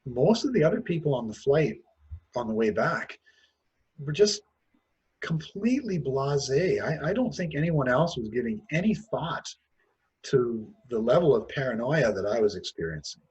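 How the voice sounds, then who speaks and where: Husky Canadian man, halting and candid. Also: medium pitch, sing-song, darkish tone, dull audio. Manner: hesitant, restarts often, self-deprecating. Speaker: interview guest. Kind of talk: candid conversational interview.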